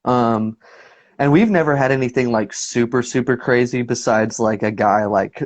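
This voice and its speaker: A man's voice: medium pitch, normal speed. A man in his twenties, a guest musician telling stories in a rambling, laid-back way full of fillers. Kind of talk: casual interview chat.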